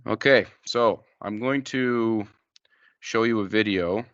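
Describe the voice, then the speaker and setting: A man presenting an informal educational wildlife slideshow, explaining things in a plain-spoken, halting way. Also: lowish voice, fairly bright tone, no room sound, highs cut off.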